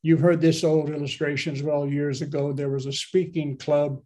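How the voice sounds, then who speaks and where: A pastor in his 70s preaches over a video call through his laptop webcam, seated in a small home office. His voice is fairly high yet mellow and warm, with little pitch movement and a moderate pace, and he rambles casually, adding asides and often asking his listeners questions.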